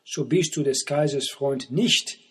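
A man's voice: on the high side, a little slow, breathy edge. A man voicing the accusing priests in a scripture reading, insistent.

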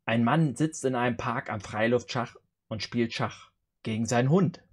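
A man's voice: mid-range voice, moderate pace, breathy edge. A man hosting a joke challenge on a video call, reading out short jokes and acting out their dialogue. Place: indoor room on a video call.

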